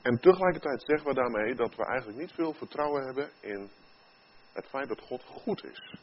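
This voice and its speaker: A man's voice: medium pitch, lively intonation, a little fast, slight background noise. A man preaching a sermon in an earnest way, his voice rising into emphatic questions. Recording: dull lo-fi recording.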